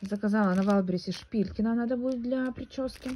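In a room at home, a young mother vlogs by chatting into a phone held out at arm's length, rambling and restarting with lots of filler. Her fairly high voice is dark in tone and quick, and a little hiss or hum is audible.

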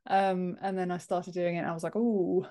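A British woman in her thirties with an English accent is a podcast guest on a video call from her home office, chatting informally and modestly in a casual interview. Her voice is lowish and warm, with little pitch movement and a brisk pace. She is heard through wired earphones.

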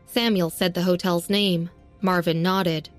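A woman narrating a serialized audio story in a steady, even reading. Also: lowish voice, a little slow, soft background music.

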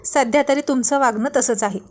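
A woman voicing a panicky, quick-tempered young wife who scolds and pleads with her husband. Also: high-pitched. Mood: flustered scolding.

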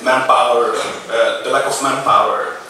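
A man's voice: medium pitch, steady tone, a little slow, pushed and bright. A man in his thirties giving a casual, hesitant keynote talk on a large auditorium stage, speaking into a handheld mic with many "uh" fillers. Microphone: handheld mic, filmed from far back. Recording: echoey hall, distant camera mic.

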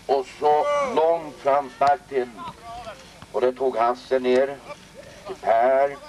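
A man giving live play-by-play commentary on a local football match outdoors, excitedly calling out player names. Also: medium pitch, far from the mic, highs cut off.

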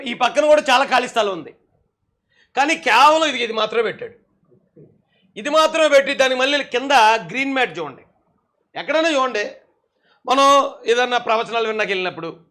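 A man talks through political commentary in a mocking, scolding way, often breaking into laughter. His voice sits very high and sounds bright and forceful.

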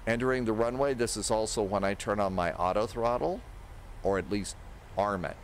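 A man's voice: on the low side, normal speed. A man in his sixties giving casual instructional commentary on a flight simulator, talking himself through each step at a close microphone. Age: older, 60s. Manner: talks himself through steps aloud. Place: indoor home streaming setup. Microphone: close desk microphone. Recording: steady aircraft engine noise behind. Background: simulated aircraft cockpit and engine noise.

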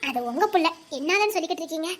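A woman playing a very high-voiced, teasing young wife. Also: expressive, very fast. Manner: teasing, playful.

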